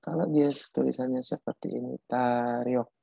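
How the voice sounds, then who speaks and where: A man's voice: medium pitch, normal speed, mellow, dry recording. A man teaching Korean pronunciation in a casual online class, repeating himself and restarting while he explains. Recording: dull muffled audio.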